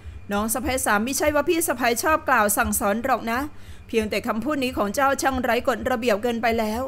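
Rich: A poised young noble consort, read by a woman in an audiobook, her voice soft and sweet-toned, slightly high, every word measured and quietly reproving. She speaks slowly and evenly, never raising her voice. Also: lightly acted. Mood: gently reproving. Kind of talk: audiobook character reading.

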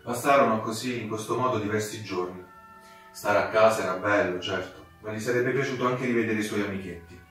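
A man narrating a fairy tale for children with expressive, dramatic delivery. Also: lowish voice, fairly quick. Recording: very echoey room, distant mic, soft music.

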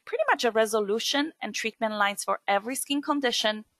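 A woman's voice: on the high side, fairly quick, fairly bright tone, dry recording. A woman from Poland presenting a skincare webinar in a chatty way, with many fillers and asides.

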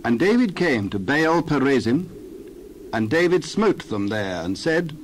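A male narrator with a medium-pitched voice reads scripture in a measured, formal style. There is faint noise in the recording. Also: big pitch swings, poor audio.

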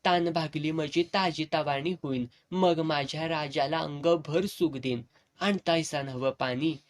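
A man's voice: a little high, measured pace, lightly acted. A man voicing a fierce, defiant village woman in a serialized audiobook, speaking rural Satara Marathi dialect in harsh, commanding bursts. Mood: languid. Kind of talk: audiobook character voice.

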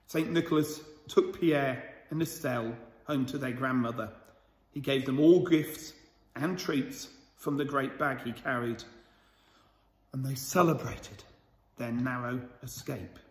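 A man reading a picture book aloud to children, gentle and chatty, stopping to point at the pictures and ask questions. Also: medium pitch, measured pace. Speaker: storyteller. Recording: roomy with long reverb.

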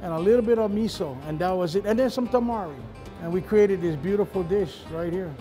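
A high, mellow voice belongs to a middle-aged chef host who speaks fairly quickly while demonstrating a dish in a studio show kitchen. He instructs and encourages in a casual way, with music and a sizzling pan in the background.

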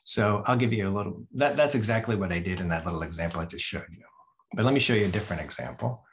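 A middle-aged man giving an academic keynote lecture over slides from a home office on a video call, explaining step by step with frequent pauses and self-corrections. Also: fairly low pitch. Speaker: professor giving a keynote talk.

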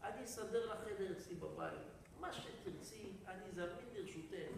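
A man's voice: high voice, vocal fry, noisy background. A man acting out a devoted grown son who answers eagerly and anxiously, in an echoey hall far from the mic. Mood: earnest.

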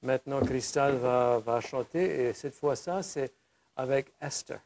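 A man from Louisiana, hosting a local talk show in a halting manner, often repeating words. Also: medium pitch, a little mellow, slight background noise. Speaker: host. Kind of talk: casual chat.

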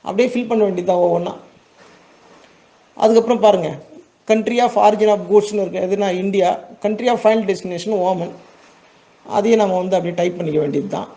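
An export business owner from Tamil Nadu, India, with a matching accent, gives an informal step-by-step tutorial, checking in with listeners and repeating words for emphasis. His voice sits high and warm at normal speed, with frequent pauses. The recording is rough.

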